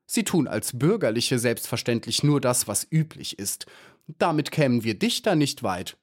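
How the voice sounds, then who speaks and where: A man voicing a pompous, self-important little male ladybird poet in a storybook audiobook, with lively pitch. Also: normal speed. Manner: grandiose, self-important, theatrical.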